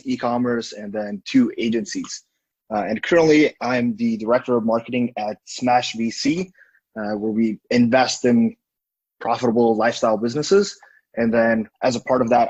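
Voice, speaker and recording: A man's voice: medium pitch, a little mellow, husky. A man in his twenties from Estonia, a marketing director, speaking thoughtfully as a podcast guest. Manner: thoughtful, hesitant with fillers and restarts. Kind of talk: casual interview. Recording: dull lo-fi audio.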